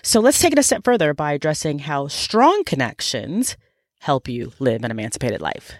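A woman's voice: sits low, big pitch swings, moderate pace, dry recording. A woman with a nasal, congested voice from a cold, delivering a scripted motivational podcast monologue with emphatic points addressed straight to the listener. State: sick with a cold. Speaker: podcast host, life coach.

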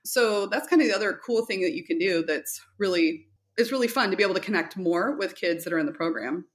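Animated and quick, this mid-range female voice belongs to a middle-aged guest from a homeschool curriculum company. She answers interview questions casually and chattily, often recounting anecdotes and quoting what people said.

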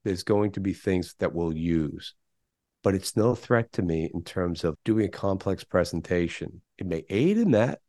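A man's voice: low-pitched, animated, normal speed, dark tone, no room sound, clean studio sound. A middle-aged man, a guest on a podcast interview, speaking emphatically and firing off rhetorical questions. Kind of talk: conversational interview.

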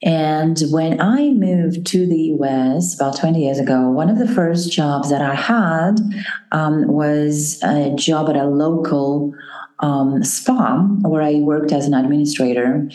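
A woman's voice: sits low, measured pace, warm tone, roomy sound, rough recording. A woman in her forties from Kazakhstan with a Kazakh accent, hosting a podcast in an earnest, reflective way, often restarting her sentences. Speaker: podcast host. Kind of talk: solo podcast monologue.

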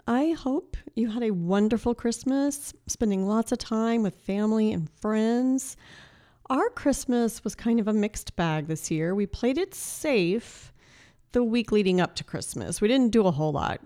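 A woman in her thirties hosting a casual faith-based podcast as a life coach, slightly hoarse from a cold and chatty, with filler words and laughs. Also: fairly high pitch, expressive, measured pace, warm tone.

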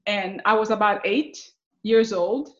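A woman from Haiti, a success coach, telling her life story as a guest in an interview, laughing often and pausing with fillers. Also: medium pitch, highs cut off. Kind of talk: interview conversation.

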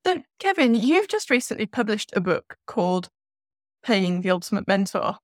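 A woman's voice: mid-range voice, sing-song, normal speed, no room sound, studio quality. A woman hosting an interview in a conversational style, introducing her guest and putting questions. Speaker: interview host, physiotherapist.

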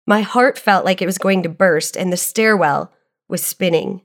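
With a fairly low pitch, a woman reads a reflective devotional aloud, linking scripture to her own story in an earnest, measured manner.

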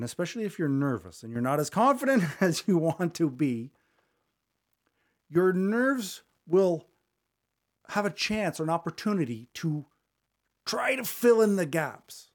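Fast-talking man hosting a solo podcast. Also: fairly high pitch, big pitch swings. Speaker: podcast host. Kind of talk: solo podcast advice talk. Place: small studio. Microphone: studio microphone.

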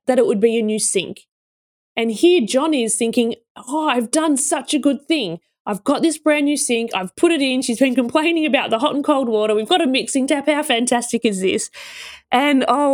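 Lively Australian woman telling a story. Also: on the high side. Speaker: wellbeing speaker and educator. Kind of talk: solo podcast storytelling.

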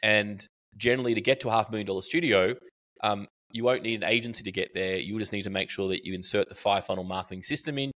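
This podcast guest, a middle-aged Australian marketing educator, has a lowish voice that moves fast with a fairly bright tone. Chatting casually in the interview, he spins animated stories full of fillers and restarts.

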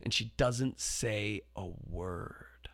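Speaking extremely slowly in a lowish, gravelly voice, a man tells a classroom story on a recording with no room sound. He's a teacher and podcast host whose delivery is earnest and reflective, with many restarted phrases, climbing to loud, forceful quoted shouts.

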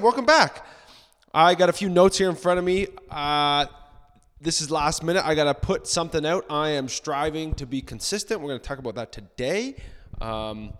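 A man hosting a casual solo podcast, talking off the cuff and haltingly in a very echoey, bare-walled room. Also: medium pitch. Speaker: podcast host. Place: indoor room with bare hard walls.

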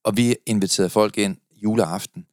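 A man's voice: fairly low pitch, fairly even intonation, a little mellow, no echo, clean studio sound. A man hosting a podcast, talking reflectively and encouragingly in a casual conversation. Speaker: podcast host.

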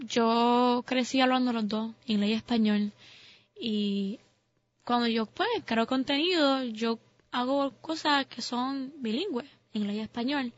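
A woman's voice: a little high, dry recording, lo-fi sound. A young woman from Puerto Rico with a Puerto Rican accent, answering interview questions casually and mixing English phrases into her Spanish with frequent fillers. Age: young adult. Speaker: content creator guest.

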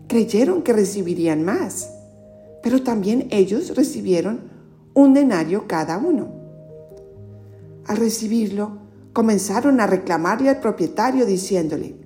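A woman with a Latin American Spanish accent speaks like a kids show host, reading and explaining a Bible story to children in simple, expressive words with direct questions. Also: mid-range voice. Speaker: children's religious teacher and presenter.

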